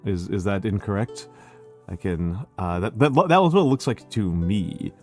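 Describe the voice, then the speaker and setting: A man with a Northeastern American accent chatting as a livestream host in a smooth, measured public-speaker or teacher voice, often halting and repeating his phrases. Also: on the low side, sing-song, darkish tone. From Northeastern United States. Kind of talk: casual livestream chat. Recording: music behind the voice. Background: music.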